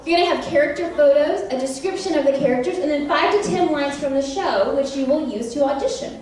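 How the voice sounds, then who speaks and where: A woman voice actress on a convention panel, chatty and animated, laughing often and quizzing the audience. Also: high-pitched, fast talker, a little hiss or hum. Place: large convention panel room. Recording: very echoey hall from a distance.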